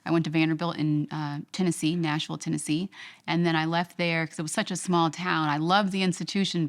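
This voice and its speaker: A middle-aged woman from Los Angeles, a doctor co-hosting a casual chat in a calm, measured and affirming way. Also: fairly low pitch. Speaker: doctor and channel co-host.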